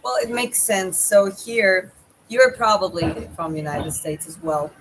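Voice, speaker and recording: A woman with a Georgian accent chats casually as a live streamer, thinking aloud in a halting way. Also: medium pitch, expressive. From Georgia (country). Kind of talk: casual livestream chat. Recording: clear background noise.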